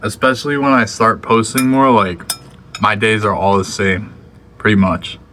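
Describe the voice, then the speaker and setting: A man's voice: fairly low pitch, steady tone, moderate pace, bright, forceful tone, a little hiss or hum. A young man chatting casually to the camera in a laid-back, slangy way, sometimes talking with his mouth full. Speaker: vlogger. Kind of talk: casual vlog chat.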